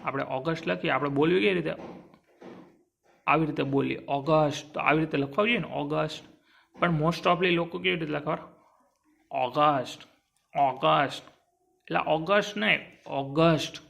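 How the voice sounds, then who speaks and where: A man teaching an exam-prep grammar lesson, drawing sounds out slowly and asking and answering his own questions. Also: on the high side, creaky, fairly bright tone.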